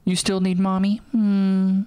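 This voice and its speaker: A man's voice: high-pitched, completely flat delivery, a little slow, a crowd in the background. A man in his thirties hosting a reaction show, teasing and mocking in sarcastic, sing-song asides, recorded on a studio mic. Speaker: host. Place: small studio room. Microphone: boom-mounted studio mic. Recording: studio voice with music underneath.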